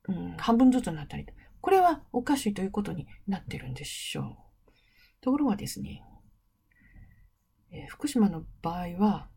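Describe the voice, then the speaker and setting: A woman's voice: mid-range voice, creaky, mellow, breathy edge. A middle-aged woman hosting an interpreting training talk, explaining things in a chatty, teacherly way with playful asides. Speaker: host of an interpreting training program. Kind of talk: casual lecture-style talk.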